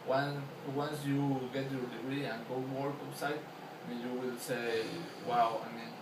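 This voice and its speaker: A student interviewee, a young man with a mid-range voice and an Ecuadorian accent, works through his answers hesitantly, restarting sentences and leaning on fillers. Steady noise hums beneath him, and the distant mic catches the room's echo.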